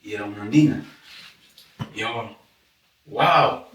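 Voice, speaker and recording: A man's voice: fairly low pitch, takes it slowly. Echoey, distant Ecuadorian man telling stories. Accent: Ecuadorian highland Spanish. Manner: animated storyteller, often acting out remembered dialogue. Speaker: podcast guest. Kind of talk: casual storytelling interview. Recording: echoey room, distant mic.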